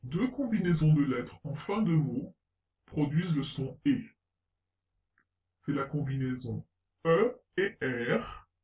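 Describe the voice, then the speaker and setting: A man with a slightly raised voice narrates a language lesson at an unhurried pace. He sounds set back from the mic in a roomy, echoing space, and the sound is a little dull. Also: on the high side, distant mic. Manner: slow, deliberate, spelling out letters and example words. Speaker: French pronunciation teacher.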